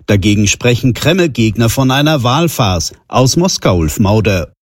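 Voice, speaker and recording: Casting: male correspondent, husky voice, dry close recording. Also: medium pitch, animated, a little slow, no echo. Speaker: foreign correspondent. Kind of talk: scripted news report.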